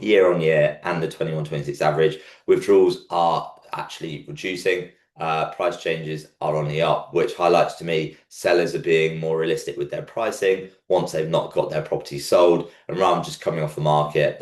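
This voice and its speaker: A man with a croaky, under-the-weather frog in his throat, presenting a market update as host. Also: a bass voice. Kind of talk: scripted-outline market commentary presentation. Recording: echoey room.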